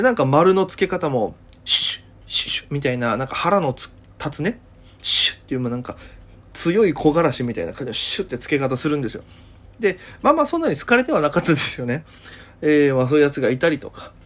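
Rambling man telling a casual story. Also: fairly high pitch. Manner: rambling, full of fillers and self-corrections. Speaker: podcast host. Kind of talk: casual solo storytelling talk.

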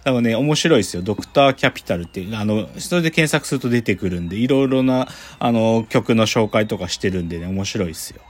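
A man's voice: lowish voice, animated, quick pace, few pauses. A man hosting a radio show in casual chat, rambling and colloquial with plenty of fillers. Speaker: radio host.

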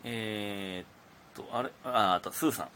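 The host is a young comedian doing a casual solo radio talk in Kansai Japanese, animated and rambling with plenty of fillers. His pitch is fairly low and his pace measured, against a little hiss or hum.

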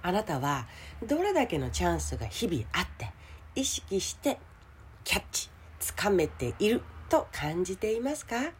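A woman with a hoarse, gravelly voice gives a casual motivational solo talk as a radio host, speaking directly to the listener. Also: lowish voice, very animated, normal speed, a little hiss or hum. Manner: addresses the listener directly with questions and soft sentence-ending particles. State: hoarse today.

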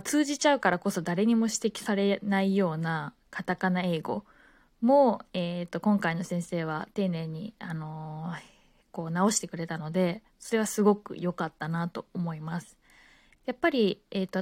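A Japanese woman speaking alone in a relaxed, casual way, with frequent fillers. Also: mid-range voice, dry recording. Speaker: podcaster. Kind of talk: casual solo talk.

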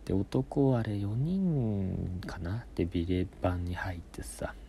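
Deep and warm with some vocal fry, this young podcast host speaks a little slowly over a faint hiss or hum. Alone on his casual show, he tells meandering stories, takes listener questions, and frequently drops into whispers.

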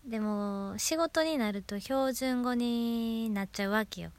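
A woman's voice: on the high side, a little slow. A woman from Osaka with a Kansai accent, chatting alone on her radio talk show and laughing at herself. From Osaka, Japan. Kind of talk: casual solo chat.

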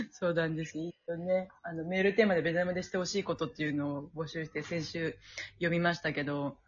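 Brisk, husky woman in her twenties; laughing radio host, lo-fi sound. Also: lowish voice, flat delivery. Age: 20s. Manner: chatty, laughing storyteller, acts out relatives' voices. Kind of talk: casual radio chat.

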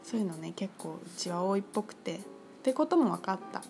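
A woman talking casually on her own about her crystal shop, chatty and full of fillers, lively when she quotes others. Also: mid-range voice, fast. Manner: chatty, filler-heavy, animated quoting. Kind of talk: casual solo talk. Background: music.

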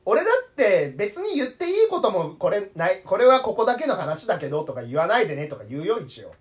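A man's voice: high-pitched, very animated, fast talker, slightly rough. A chatty man talking casually as a podcast co-host. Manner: chatty, self-confessed talker. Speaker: podcast co-host, theatre troupe member. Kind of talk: casual banter.

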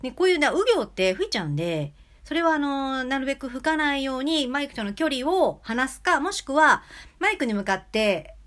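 Lively woman giving friendly podcast tips. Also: brisk. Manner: lively, demonstrative, plays with speed, pitch and loudness. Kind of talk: casual solo talk lesson. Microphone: close mic about ten centimeters away, angled.

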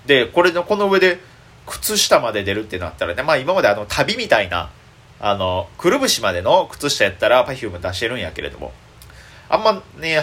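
A young man with a Kansai accent, hosting a solo chat show as a comedian, thinking aloud excitedly and fretting as he rambles. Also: mid-range voice, breathy edge. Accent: Kansai Japanese. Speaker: comedian and podcast host.

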